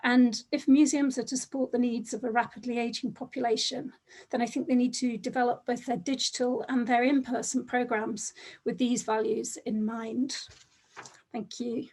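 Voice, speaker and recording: A woman presenting academic research over a video call in a measured, reflective way. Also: on the high side, little pitch movement, darkish tone.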